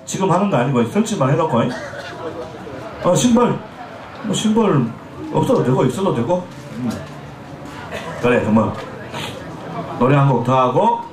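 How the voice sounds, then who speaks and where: With long pauses, a moderate pace and very animated delivery, a man in his forties from Jeolla teases the audience from an outdoor festival stage. His pumba act is chatty comic banter, voiced a little high and a bit scratchy over an echoing PA.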